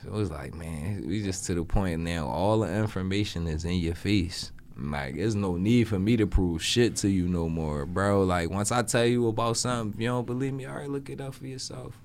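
A man in his thirties in a casual, slangy chat, musing at a relaxed pace as a podcast co-host. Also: sits low, moderate pace, hardly any pauses, slight background noise. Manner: laid-back, slangy, musing.

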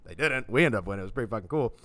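A man co-hosting a casual podcast chat, swearing freely and telling lively stories. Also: lowish voice, racing, no echo. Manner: profane, animated storyteller. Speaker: podcast co-host.

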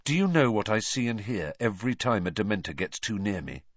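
Man playing a brooding, bitter teenage boy, animated. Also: fairly low pitch, fairly quick, dry recording, dull audio, voice pushed up. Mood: anguished, bitter. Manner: abrupt, intense.

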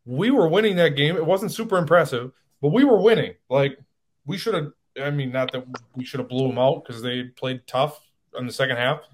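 A man's voice: fairly high pitch, a little fast. A man hosting a casual sports podcast, talking animatedly and getting worked up. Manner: animated, gets worked up and emphatic. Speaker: podcast host.

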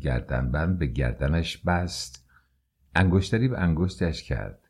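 A man's voice: very deep voice, animated, darkish tone, husky. A man narrating a novel as an audiobook, telling it in the first person with strong emotion.

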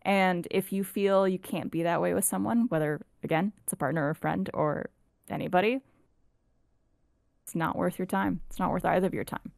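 A woman's voice: fairly low pitch, normal speed, creaky, darkish tone, no room sound, studio quality. A woman in a casual podcast chat, talking earnestly and frankly, with the odd swear word for emphasis.

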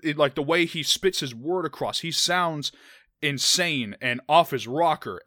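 Young man, casual podcast chat, bright forceful voice, dry close sound, rambling with restarts. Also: on the high side, dry recording. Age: young adult. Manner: rambling, many restarts and "like" fillers. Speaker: podcast co-host.

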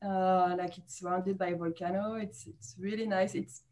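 A French woman in her thirties, with a French accent, chats casually as a guest in a podcast interview, laughing often and using many fillers. Her voice sits on the low side, steady and darkish in tone, at a moderate pace.

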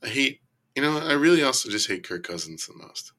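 A man with a croaky, hoarse voice and creaky starts, chatting casually and bluntly as a fantasy sports podcast guest. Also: medium pitch, very animated, fairly quick, sharp tone. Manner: blunt, profane. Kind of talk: casual fantasy football chat.

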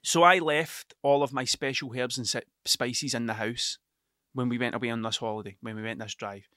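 In a clean, echo-free studio recording, a middle-aged Scottish man from Ayrshire hosts a podcast, telling stories in a loose, meandering way full of curses and "do you know what I mean." His voice is medium in pitch, steady and sharp, at a normal speed.

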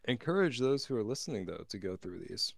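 A man's voice: medium pitch, sing-song, fast talker, creaky, no echo, studio quality. A man co-hosting a casual podcast, talking earnestly and agreeing readily. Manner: earnest, agreeable, laughs easily. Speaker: podcast co-host.

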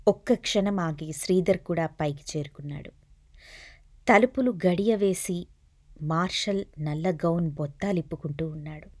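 A woman reads a serialized novel aloud in a soft, hushed narration. Her voice is husky and sits low in pitch. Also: normal speed, no room sound, clean studio sound. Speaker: audiobook narrator.

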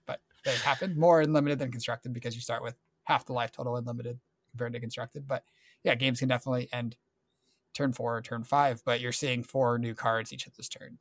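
A man co-hosting a podcast, explaining in a relaxed, casual way with filler words. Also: medium pitch, dry recording. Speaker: podcast co-host. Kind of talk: casual chat.

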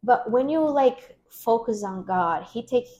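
A woman with a fairly high voice, hosting a casual talk about faith. She speaks earnestly and preachily, circling back to repeat her points. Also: animated, a little slow, mellow, muffled recording, a little hiss or hum. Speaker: host.

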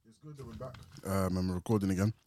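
A man's voice: low voice, very fast, dark tone, dry recording. A man hosting a podcast in casual, conversational chat. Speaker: podcast host.

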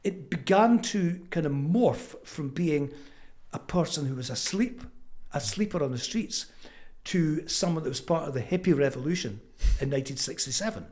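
A man in his seventies with a Fife Scottish accent, telling stories reflectively as an interview guest, halting and thoughtful with frequent pauses. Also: on the high side, lively intonation, darkish tone. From Fife, Scotland. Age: 70s. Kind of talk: reflective conversational storytelling.

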